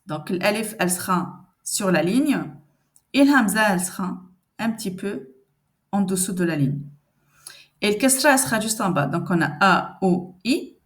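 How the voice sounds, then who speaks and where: With a mid-range voice and lively intonation, a woman gives a step-by-step reading lesson. She's patient and conversational, repeating sounds and syllables slowly and answering the questions she expects learners to ask.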